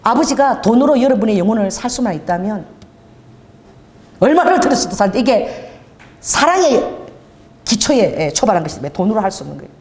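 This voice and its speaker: A woman's voice: medium pitch, brisk, pauses often. A middle-aged woman pastor preaching a sermon, telling stories and acting out the voices in them. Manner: lively, storytelling, acts out voices in stories. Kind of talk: sermon with storytelling.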